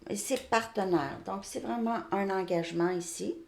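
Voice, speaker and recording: A woman's voice: medium pitch, moderate pace, creaky. A woman from Quebec with a Québécois French accent, chatting casually through a tarot reading and often checking in with "ok?". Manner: chatty, repeats "ok?" often, frequent restarts. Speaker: tarot reader. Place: home, outside Montreal suburbs.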